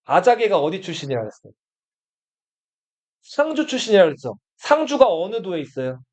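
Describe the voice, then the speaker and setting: A man's voice: high voice, very animated, brisk. Guy giving a history class, keeps asking students stuff, voice jumps around a lot. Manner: asks students questions and answers them himself. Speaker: history teacher. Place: study room classroom. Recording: dull lo-fi classroom recording.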